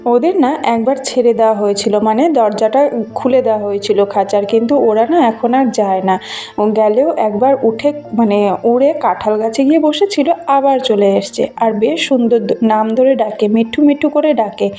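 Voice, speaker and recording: Woman in her thirties, fairly high mellow voice, casual walking vlog, outdoors on a phone, faint music under it. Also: normal speed. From Bengal. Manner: chatty, gently enthusiastic, talks to viewers while showing things. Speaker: village vlogger. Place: outdoors in a rural garden and fields. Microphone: handheld phone camera.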